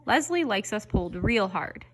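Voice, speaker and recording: A woman's voice: medium pitch, sing-song, moderate pace. A woman voicing a mischievous talking pigtail that coaxes and whines in a storybook reading. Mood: coaxing. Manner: wheedling, pleading, whiny.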